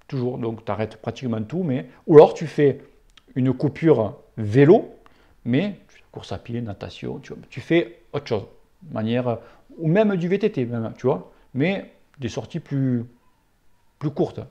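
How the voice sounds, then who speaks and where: A man's voice: medium pitch, lively intonation, a little slow, gravelly, dark tone, muffled recording. A man hosting a casual cycling Q&A, talking in a blunt, familiar and outspoken way with crude slang. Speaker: cycling channel host answering viewer questions. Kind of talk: casual spoken Q&A.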